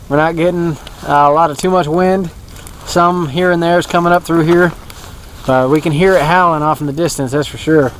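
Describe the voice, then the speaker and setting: A man's voice: high-pitched, a little hiss or hum, rough recording. A man casually narrating his winter camping trip, rambling and chuckling with filler words, recorded outdoors at a snowy campsite by a fire on an action camera. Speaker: outdoor vlogger.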